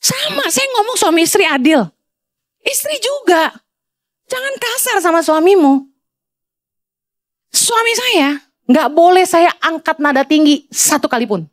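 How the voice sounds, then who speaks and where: High-pitched lively woman pastor preaching. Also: measured pace, pauses often, no echo, clean studio sound. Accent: Indonesian. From Indonesia. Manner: blunt, conversational preaching with scolding asides. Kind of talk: sermon.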